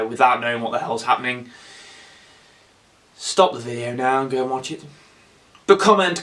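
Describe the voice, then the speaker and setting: A man casually reviewing a film on his channel, excitable and rambling, with some swearing. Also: medium pitch, slight background noise.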